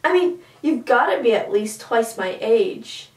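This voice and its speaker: A woman voicing a sly, quirky teenage girl thief with quick, teasing quips, recorded in a roomy space. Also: fairly high pitch, big pitch swings. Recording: roomy, from a distance.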